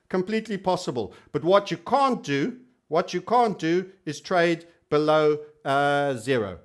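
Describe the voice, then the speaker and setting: A fairly high-pitched man serves as host of an informal trading commentary on YouTube. He talks with emphasis, doubles up on phrases to stress them, and has a cheeky, colourful manner of expression.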